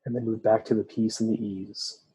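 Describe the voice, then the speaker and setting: A man guiding a breathing meditation, giving slow, soft, soothing instructions. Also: on the low side, flat delivery, husky, rough recording. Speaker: meditation guide.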